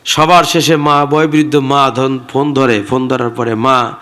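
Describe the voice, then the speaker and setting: Tearful Bengali preacher with Rangpur accent. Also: male voice, medium pitch, flat delivery, fairly bright tone. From Bangladesh. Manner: addresses the crowd with questions, breaks into slow sung verses. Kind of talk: emotional waz sermon.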